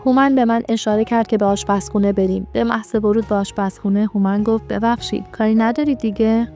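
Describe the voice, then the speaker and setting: A woman storyteller reading a first-person story aloud in a brisk, steady manner. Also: medium pitch, faint music behind.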